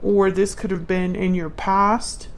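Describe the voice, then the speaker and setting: A tarot reader who hosts her own channel does a casual, intuitive reading, speaking straight to the listener as she thinks aloud. Her voice is mid-range, level and unhurried.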